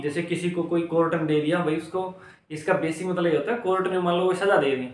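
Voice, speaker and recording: A man's voice: on the high side, roomy sound. A young man hosting a casual vocabulary lesson, chatty and jokey, throwing rhetorical questions at viewers. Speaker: vocabulary teacher and channel host. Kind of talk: casual Hindi vocab lesson with memory tricks.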